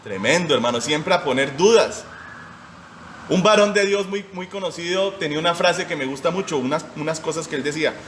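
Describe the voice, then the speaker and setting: A man's voice: on the high side, brisk, a little hiss or hum. A man in his forties preaching a short sermon as pastor, emphatic and firing rhetorical questions at his listeners. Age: 40s.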